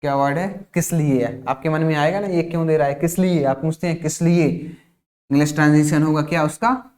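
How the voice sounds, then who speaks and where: A man's voice: fairly high pitch, steady tone, brisk, a little mellow. A man with a Hindi accent teaching spoken English in a classroom lesson, repeating each phrase and quizzing his students. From India. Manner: repetitive, drilling phrases with questions to the class.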